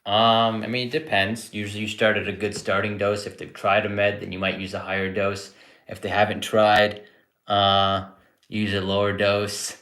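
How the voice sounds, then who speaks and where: A man in his thirties talks casually through a live-stream Q&A as a psychiatrist, relaxed and chatty, restarting his sentences often. His voice sits fairly low. The room around him is echoey. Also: moderate pace. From born in India, grew up in Canada. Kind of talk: casual live-stream chat answering viewer questions.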